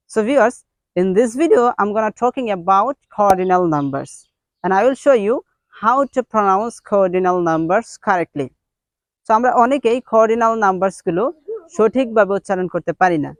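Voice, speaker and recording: A woman with a Bengali accent leads a pronunciation lesson at an unhurried, very slow pace. She drills each word by saying it several times over. Her voice sits in a middle pitch, recorded close and dry with no room sound. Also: no echo. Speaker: English pronunciation teacher. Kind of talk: slow spoken lesson, mixing English and Bengali.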